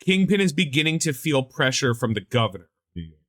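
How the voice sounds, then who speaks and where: Podcast co-host, male, bright and sharp tone, lively sarcastic ranter who swears freely. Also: medium pitch, fairly quick. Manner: animated, swearing, ranting with sarcasm. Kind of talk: casual pop-culture chat.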